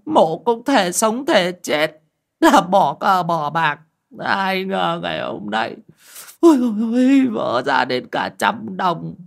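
A man's voice: fairly low pitch, big pitch swings, unhurried, long pauses, fairly bright tone, breathy edge, exaggerated voice. A male narrator voicing a desperate bald old man who begs for a loan, stammering and close to tears. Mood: lamenting. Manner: stammering, whining plea. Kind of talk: audiobook character voice.

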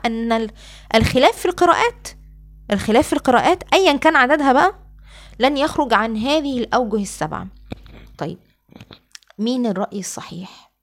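A woman with an Egyptian accent giving a lecture on Quranic readings, moving between casual explanation and slow, drawn-out recited examples. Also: mid-range voice. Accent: Egyptian Arabic. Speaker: Quran sciences teacher.

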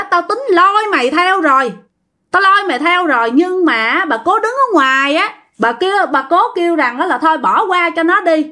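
A woman's voice: on the high side, a bit bright. A woman voicing the spirit of a dead young man who speaks through a living relative and scolds harshly.

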